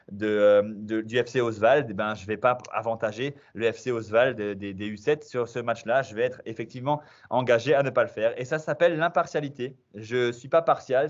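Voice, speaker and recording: Man quiz host over a video call, emphatic delivery that leaps up on each question, slightly dull lo-fi sound. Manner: energetic, emphatic, pitch jumps up on questions. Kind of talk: online quiz session for youth players.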